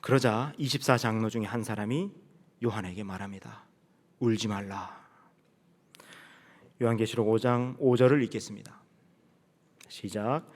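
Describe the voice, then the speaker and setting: A male pastor preaching a sermon to a congregation, building to emphatic rhetorical questions and then dropping low, with slow solemn passages of scripture reading. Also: in a large hall. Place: church sanctuary.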